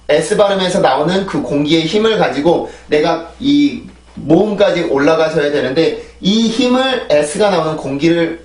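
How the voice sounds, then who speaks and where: A man's voice: on the high side, far from the mic. A man teaching English pronunciation in an online lesson, explaining patiently and drilling words aloud, often checking with "right?". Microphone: camera-mounted shotgun mic on a phone. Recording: echoey room, voice a bit off-mic.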